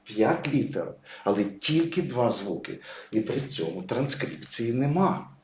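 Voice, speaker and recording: A male teacher explains English spelling and sound step by step, his pitch rising and falling a lot as he leans on each example word. The room is echoey, with a faint hiss behind him. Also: big pitch swings, unhurried. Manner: patient, explanatory, stresses example words. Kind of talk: explaining pronunciation at a whiteboard.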